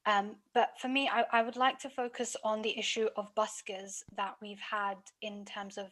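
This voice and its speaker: Earnest woman councillor, flat voice. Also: mid-range voice. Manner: earnest, many "um" pauses. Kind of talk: committee meeting discussion.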